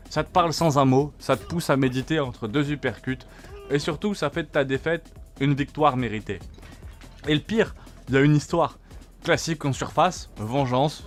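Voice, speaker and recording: A man narrates a game review from a script. He talks in clipped, punchy phrases and asks rhetorical questions. Faint music plays softly behind him, and his pitch sits in a middle range. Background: faint background music.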